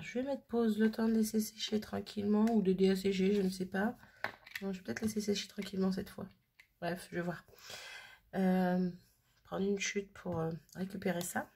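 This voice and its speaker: A woman's voice: medium pitch, vocal fry, mellow, slight background noise. A woman hosting a casual crafting video who chats and thinks aloud with plenty of fillers. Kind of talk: casual crafting tutorial chat.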